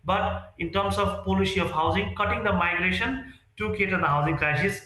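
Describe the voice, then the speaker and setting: A man's voice: sits high, brisk, pushed and bright. Earnest man in an echoey room. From Nepal. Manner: earnest, hesitant with many fillers and restarts. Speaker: real estate sales executive, guest. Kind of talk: interview answers.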